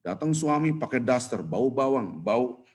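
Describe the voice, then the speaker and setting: A man giving a casual dawn lecture at a mosque, chatty and playful, with sudden loud bursts of emphasis. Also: medium pitch, measured pace, slightly rough. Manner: lively, conversational, jokes and sudden loud emphasis. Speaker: preacher.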